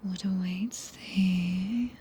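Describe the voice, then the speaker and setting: A woman with a British accent voicing a tender, possessive, regal witch mistress in a breathy, archaic whisper for an ASMR roleplay, close to a binaural microphone. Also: mid-range voice, steady tone, drawn-out words, mellow, full character voice. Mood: teasing, seductive.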